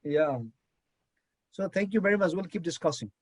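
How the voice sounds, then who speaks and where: A man's voice: sits high, normal speed, breathy edge, no room sound, low-quality recording. Hesitant man chairing a panel. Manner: hesitant, many fillers and restarts. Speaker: session chair. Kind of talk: moderating an online academic panel. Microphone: video call.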